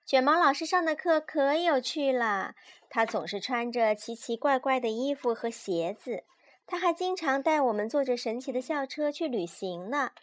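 Gentle mother reading bedtime stories. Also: high voice, moderate pace. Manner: gentle, patient, animated storyteller. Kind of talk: read-aloud picture-book storytelling.

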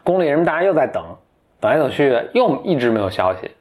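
A man's voice: mid-range voice, big pitch swings, fast talker, a little mellow. A man casually retelling a fairy tale in a chatty, playful way, with asides. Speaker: storyteller host.

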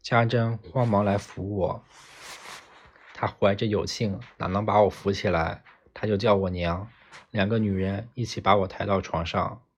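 A man's voice: on the low side, fairly even intonation, moderate pace, slightly rough. A man reading a novel aloud in the first person, narrating steadily and plainly as an audiobook reader.

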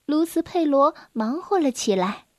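High-voiced woman reading a bedtime story. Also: animated, unhurried, a little mellow, dry recording, studio quality. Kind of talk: children's story narration.

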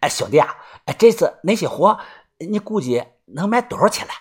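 A man's voice: high voice, big pitch swings, fairly quick, slightly rough, heavily acted. A man doing a sly cheeky young man. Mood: gleeful. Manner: sly, whispery, conspiratorial. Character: sly eighteen-year-old boy, cheeky and secretive.

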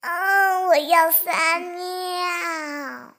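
A woman voicing a small playful kitten in a children's story, calling out in a high, drawn-out, childlike way. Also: animated, bright, forceful tone, exaggerated voice. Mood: whiny.

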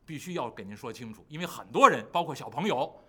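A man performing a traditional storytelling piece, talking to the audience in an animated way. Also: mid-range voice, fast, breathy edge. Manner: lively, animated, addresses the audience.

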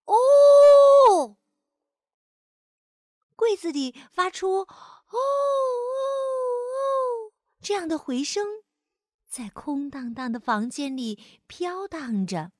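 Reading a children's storybook, a woman uses a high, sing-song voice that rises and falls expressively. She speaks a little slowly, stretching out her sentence-final particles, and the close recording is dry with no room sound.

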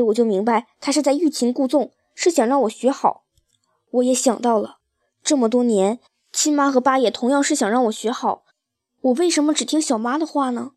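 Woman storyteller, high pitch, dry close sound, expressive and emotional first-person reading. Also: dry recording.

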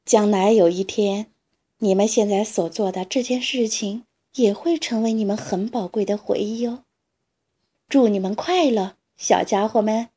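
Wise old grandpa rabbit, unhurried and soft, mellow tone; woman reader. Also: slightly rough. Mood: kindly. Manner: slow, soft and lower.

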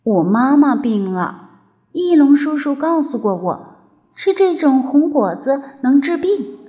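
A little crybaby dinosaur boy speaks in a high, bouncing, childlike voice, as a woman puts him on. His pitch leaps about, tearful yet sweet, in a storybook reading. The recording is dull and lo-fi. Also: very animated, slow pace. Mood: sad, shy.

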